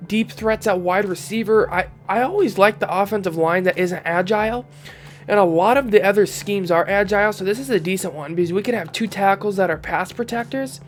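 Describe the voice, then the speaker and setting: A man's voice: high voice, brisk, slight background noise. Congested young man talking through game stats. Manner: relaxed, thinking aloud while reviewing stats. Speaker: gaming YouTuber. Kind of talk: casual game commentary.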